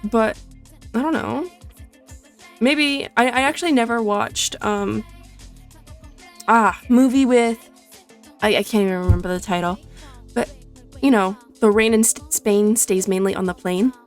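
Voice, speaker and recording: A young woman rambling casually through gaming commentary, chatty and full of tangents, enunciating clearly. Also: a little high, unhurried, long pauses, soft background music. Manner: chatty, tangent-prone, self-deprecating. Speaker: gaming streamer.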